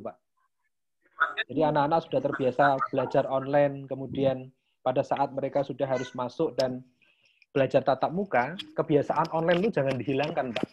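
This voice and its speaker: A man's voice: mid-range voice, darkish tone, highs cut off. A man, casually explaining teaching ideas to teachers on a video call. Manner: casual and chatty, ends phrases with Pak. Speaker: teacher trainer leading an online session.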